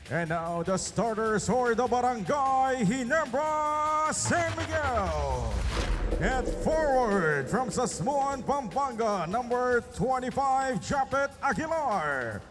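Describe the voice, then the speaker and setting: A man works as an echoing stadium announcer, introducing lineups in a booming voice and drawing out player names. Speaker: arena announcer. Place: large indoor arena over PA. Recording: long arena reverb, music behind.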